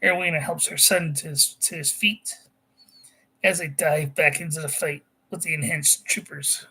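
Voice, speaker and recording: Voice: medium pitch, fairly even intonation, moderate pace, sharp tone, breathy edge, low-quality recording. An amateur author casually reading their own sci-fi story aloud, often stopping to correct themselves and add chatty asides.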